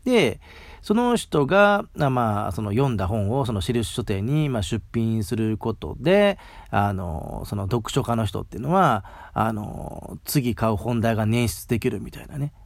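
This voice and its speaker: A man from Mie hosting a casual solo talk show outdoors, chatting in a rambling way and tagging his sentences with a soft "ne". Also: medium pitch, expressive, normal speed, no room sound, studio quality. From Mie, Japan. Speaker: podcast host.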